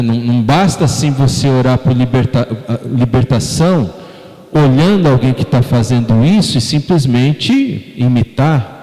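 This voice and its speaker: A man's voice: mid-range voice, mellow. A man with a Brazilian Portuguese accent preaching a sermon as pastor, talking conversationally and putting questions to the congregation. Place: church sanctuary. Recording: long church-hall reverb.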